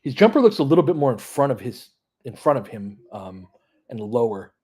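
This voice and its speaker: A man with a warm, medium-pitched, sing-song voice and a breathy edge talks a little fast. As host of a fan audio play-by-play stream, he chats casually with listeners while analysing a live basketball game. His manner is conversational, analytical and informal, with mild swearing.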